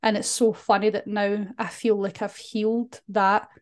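A woman's voice: mid-range voice, flat delivery, moderate pace. A woman speaking as a podcast guest, earnest and candid, often restarting her sentences. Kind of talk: podcast conversation.

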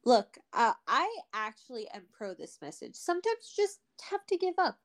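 A woman's voice: a little high, sing-song, moderate pace. A woman co-hosting a podcast, chatting casually and dropping dry quips between short agreeing replies. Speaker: podcast co-host.

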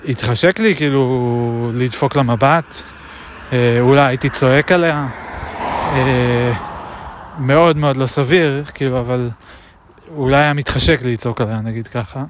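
A man recording a reflective spoken diary outdoors, musing aloud with many pauses and hesitations. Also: mid-range voice. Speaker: video diarist. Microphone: action camera. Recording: traffic noise outdoors.

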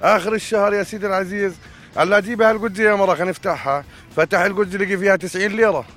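A man's voice: high voice, steady tone, rapid-fire, a bit bright, soft background music. A man telling a joke, addressing the listener as sir as he goes. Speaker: passer-by telling jokes.

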